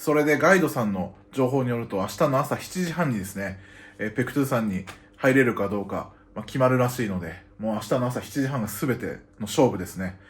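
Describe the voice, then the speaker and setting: A man's voice: medium pitch, expressive, fast talker, slight background noise. Chatty Japanese man vlogging on the road. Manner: chatty, talks to himself with frequent exclamations. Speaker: travel vlogger. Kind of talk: casual travel vlog narration. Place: hotel and hot spring resort, indoors and outdoors.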